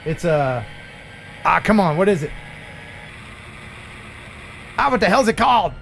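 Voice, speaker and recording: A man's voice: sits high, very animated, a little slow, creaky, fairly bright tone, a little hiss or hum. A man hosting a live stream in casual chat, with a joking, teasing manner.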